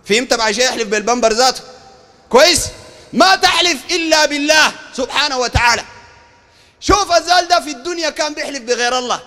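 A man with a Sudanese Arabic accent preaching a street sermon, animated and throwing rhetorical questions at his listeners. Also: very high-pitched, fast talker, big-room sound. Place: outdoor market.

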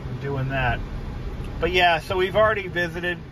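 Young man, casual driving vlog, rambling with ums, slightly high voice, road noise, dashboard phone mic. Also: animated, moderate pace. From New England. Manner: rambling, self-correcting, with filler ums. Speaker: car vlogger. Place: inside a moving car. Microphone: phone camera on the dashboard. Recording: car and road noise behind.

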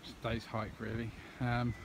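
A man's voice: medium pitch, monotone, normal speed. A man, chatting casually through a woodland cooking and hiking vlog with lots of ums, filmed on a handheld phone outdoors. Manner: rambling, many ums, chatty. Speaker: outdoors vlogger. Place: woodland campsite and path outdoors. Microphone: phone camera held at arm's length. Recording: outdoor phone audio with clear background noise.

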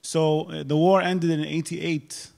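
Gravelly older man. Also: a little high, level tone, darkish tone. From Iraq. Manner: thoughtful, halting restarts, earnest. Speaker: poet on a panel. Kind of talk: reflective panel discussion. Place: auditorium stage. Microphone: handheld mic.

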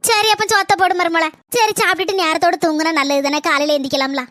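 A performer voicing a bossy, gossiping old village mother-in-law in a cartoon, with a shrill scolding voice. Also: fairly even intonation, fast, no room sound. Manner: loud complaining, bragging. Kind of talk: cartoon voice acting.

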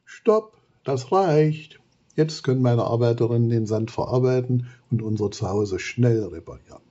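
A man reading aloud, voicing a worried female termite queen who talks anxiously, in a husky voice. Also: mid-range voice, fairly even intonation, fairly quick, warm tone, highs cut off, natural voice. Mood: relieved. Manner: anxious, pleading.

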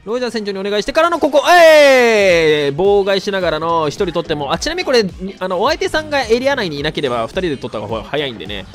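Hoarse, nasal man doing lively game commentary. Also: high-pitched, racing, hardly any pauses, soft background music. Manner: chatty, excitable, breaks into shouts while playing. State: slightly nasal from a cold. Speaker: gaming YouTuber. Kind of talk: live gameplay commentary.

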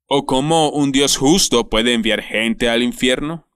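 A man preaching a sermon in a deliberate, emphatic way, dwelling on repeated words. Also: mid-range voice, a bit bright, clear, resonant tone, no room sound, studio quality. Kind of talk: sermon voice-over.

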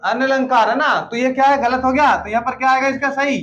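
A man teaching an exam-prep lesson, asking quick questions and answering them himself, checking in often with the listener. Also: very high voice, fairly even intonation, fairly bright tone, dull audio. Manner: drills with frequent "ठीक है ना" check-ins. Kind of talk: classroom-style lesson.

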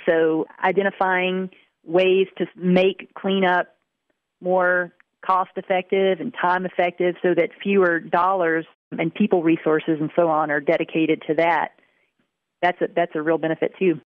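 A woman's voice: on the low side, level tone, a little slow, dry recording, narrow, tinny audio. A woman researcher answering interview questions, often repeating words as she searches for them.

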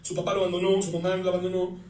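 A man's voice: high-pitched, monotone, darkish tone. A man with a Mexican accent telling a heated story in a rant, coarse and slangy, acting out the lines of others. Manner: fast, coarse, slangy, acts out quotes. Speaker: comedian recounting a wedding fight. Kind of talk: ranting storytelling. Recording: echoey, distant, faint noise.

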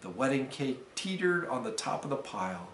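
A man, a deacon, reading a fable aloud to students in a careful, measured storytelling manner. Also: medium pitch, very animated, a bit bright, slight background noise. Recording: roomy echo.

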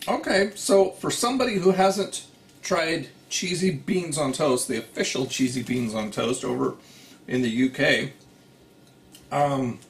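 A middle-aged man hosting a casual food review at home. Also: mid-range voice. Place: small room at home, on a couch. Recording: clearly noisy room recording.

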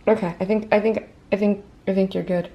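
A woman's voice: mid-range voice, fairly even intonation, a little fast, dark tone, low-quality recording. A young woman talking casually to a handheld camera as she vlogs her day, rambling with lots of fillers. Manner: chatty, rambling, many "like" and "um" fillers. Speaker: vlogger. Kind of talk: casual daily vlog narration.

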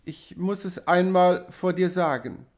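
A man reading an audiobook, voicing a grieving mother who speaks softly and sorrowfully. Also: sits high, a little slow. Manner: soft and sorrowful. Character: grieving, quiet grown mother.

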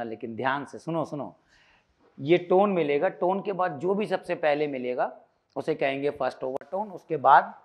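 A man's voice: sits high, fairly bright tone. A man from India teaching a physics class, quizzing students with repeated questions and teasing asides, mixing English terms into Hindi. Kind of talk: classroom lecture.

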